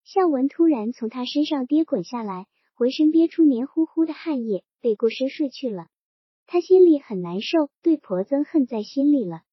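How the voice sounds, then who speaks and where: A woman reading a novel aloud with an even storytelling delivery. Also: high voice, normal speed, no room sound. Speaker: audiobook reader. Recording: dry dull lo-fi recording.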